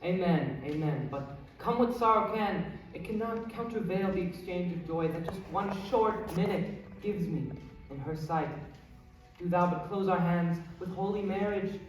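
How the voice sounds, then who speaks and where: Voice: mid-range voice, a little slow, close to an everyday voice. A student actor playing an earnest young man in love in a school stage play. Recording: echoey hall, distant mic.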